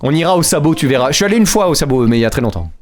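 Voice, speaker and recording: A man's voice: a little high, expressive, very fast. Playful guy streaming, voice bouncing up and down a lot, music behind him. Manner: playful, laughing, tries silly accents. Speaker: streamer doing voice impressions. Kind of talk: casual streaming chat.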